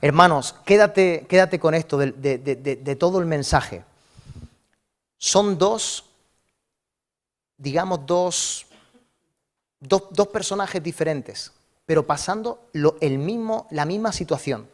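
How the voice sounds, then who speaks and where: A man's voice: fairly high pitch, slow, pauses often. A man preaching a sermon in a church service, fervent, repeating words and building to emphatic peaks.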